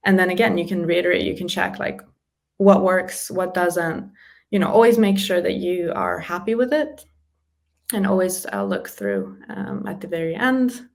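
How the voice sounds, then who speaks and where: A communication specialist chats casually in an interview, sharing practical tips and laughing softly between points. Her voice is on the low side with big pitch swings, at a normal speed.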